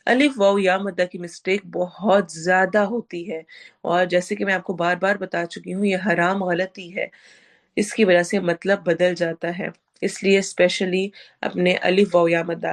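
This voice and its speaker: A woman's voice: fairly low pitch, vocal fry. A woman teaching a tajweed lesson. She explains rules step by step, drags out recited words syllable by syllable, and puts questions to the class that she then answers herself.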